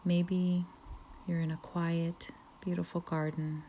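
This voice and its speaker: A woman leading a guided relaxation meditation, speaking softly with frequent whispered phrases and long pauses. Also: lowish voice, level tone, slight background noise. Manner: slow, soft, partly whispered, soothing pauses.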